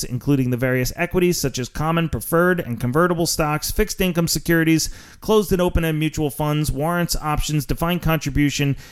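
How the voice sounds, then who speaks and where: Male podcast host with a Philly accent, slightly high voice, profane, sarcastic, brash. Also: smooth. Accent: Philadelphia. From Philadelphia area. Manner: brash, sarcastic, laughs at own jokes. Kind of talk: profane casual monologue.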